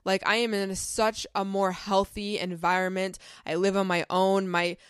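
Young woman podcast host, earnest and heartfelt, casual advice talk, smooth lowish voice, dry close sound. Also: flat delivery, moderate pace, no echo. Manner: earnest, heartfelt, filler-heavy with many "like"s.

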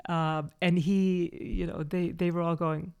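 A woman co-hosting a podcast, recalling old neighbors with lively amusement and frequent laughter. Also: fairly low pitch, measured pace, clean tone. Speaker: podcast co-host. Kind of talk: casual reminiscing conversation.

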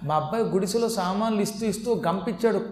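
A man voicing poor grieving parents who lament their lost son, soft and wailing, within a sermon. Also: high-pitched, quick pace, roomy sound, close to an everyday voice.

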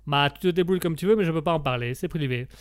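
A man voicing a chatty Italian pasta maker in a put-on Italian accent, speaking slowly and haltingly and filling gaps with "ma". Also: fairly high pitch, clean tone, no echo, clean studio sound, natural voice. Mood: rambling. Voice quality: slow and halting, fills gaps with "ma".

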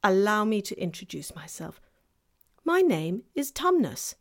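A woman's voice: medium pitch, big pitch swings, unhurried. A woman voicing a polite, fussy male faun who speaks formally and wistfully, for a storybook reading. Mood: eager. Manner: courtly, formal and eager.

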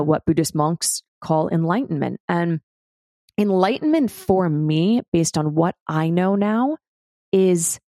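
A woman's voice: on the low side, gravelly, mellow, no echo. A woman hosting a spiritual self-help podcast, talking earnestly and encouragingly straight to the listener. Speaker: podcast host.

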